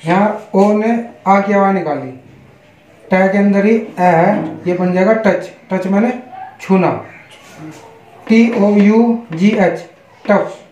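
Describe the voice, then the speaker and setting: A man with an Indian accent teaching English pronunciation, spelling each word letter by letter and giving its meaning in a slow, repetitive way. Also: sits high, a little mellow, slight background noise. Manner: spells words letter by letter, then gives Hindi meanings. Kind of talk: online English pronunciation lesson. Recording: echoey, dull lo-fi room.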